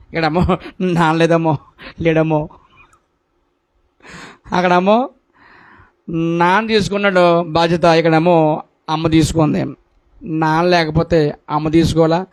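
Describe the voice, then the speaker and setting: A man preaching a sermon at a prayer meeting, repeating his points and putting rhetorical questions to the congregation. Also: fairly high pitch.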